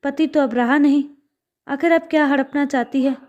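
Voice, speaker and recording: A woman's voice: sits high, fairly even intonation, moderate pace, dull audio, natural voice. A woman reading a greedy, accusing sister-in-law. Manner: accusing, loud.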